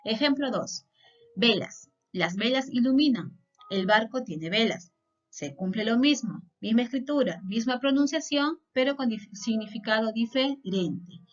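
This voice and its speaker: A woman from Peru with a Peruvian Spanish accent teaches a patient classroom lesson in a fairly high, expressive, unhurried voice. She often checks in with short questions, and the recording sounds dull and lo-fi.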